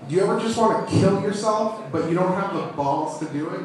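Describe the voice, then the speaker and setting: A young man with a high-pitched voice performs amateur stand-up with audible stage fright. He starts hesitantly and sounds nervous. The recording is very echoey and distant, as if captured from the seats of a club. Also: brisk. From California. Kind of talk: stand-up comedy at an open mic. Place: small comedy club room with seated audience.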